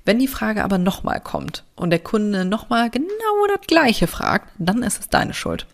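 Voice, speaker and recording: A woman's voice: medium pitch, wildly swooping pitch, moderate pace, vocal fry. A woman with a German accent and a nasal, stuffy-nosed voice, chatting casually and bluntly as a solo podcast host.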